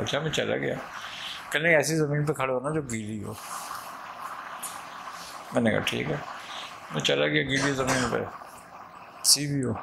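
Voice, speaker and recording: A man with a gravelly, creaky voice tells a spiritual story as a Sufi sheikh, animated and lively, acting out each character's lines. His pitch sits in the middle range, and faint noise runs under the recording. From Pakistan. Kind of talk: storytelling talk.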